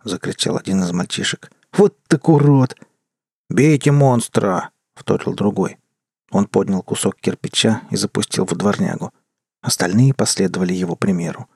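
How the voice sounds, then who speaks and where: A man reading a story aloud as an audiobook narrator, measured and even. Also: on the low side, vocal fry, slightly rough, no room sound, studio quality. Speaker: audiobook reader. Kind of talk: scripted narration.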